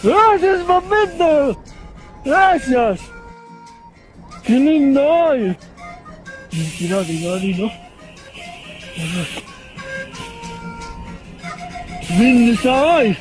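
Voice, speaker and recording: An actor with a Bolivian Spanish accent playing a stubborn, wheedling village drunk in a film, with a slurred, whiny way of talking. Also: male voice, extremely high pitch, sing-song, slow, pauses often, soft background music, exaggerated voice, rough recording. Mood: delighted. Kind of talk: film acting.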